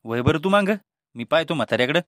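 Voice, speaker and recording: Man voicing an exasperated middle-aged father, Vidarbha Marathi accent, fairly high voice, pleading, dry close sound. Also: expressive, fast, a bit bright, no room sound. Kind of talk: cartoon comedy voice acting.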